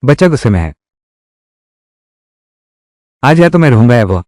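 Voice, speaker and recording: A man's voice: medium pitch, big pitch swings, very fast, darkish tone, no room sound, studio quality, close to an everyday voice. A man voicing heated, scolding family quarrels in dubbed drama dialogue. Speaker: voice actor dubbing a village family drama.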